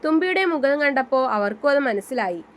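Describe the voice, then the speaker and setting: Woman reading a story aloud, slightly high. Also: lively intonation, fairly quick, lo-fi sound. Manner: reads all the characters' dialogue in her own voice. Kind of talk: scripted story narration.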